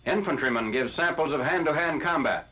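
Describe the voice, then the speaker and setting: A man giving scripted narration for an old 1940s newsreel, in a crisp, formal announcer delivery. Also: fairly high pitch, expressive, brisk, pushed and bright. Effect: old 1940s newsreel recording. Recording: lo-fi archival newsreel audio.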